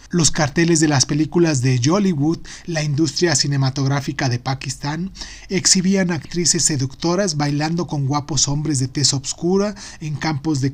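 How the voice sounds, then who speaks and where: A man reading a literary novel aloud as an expressive audiobook narrator. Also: on the high side.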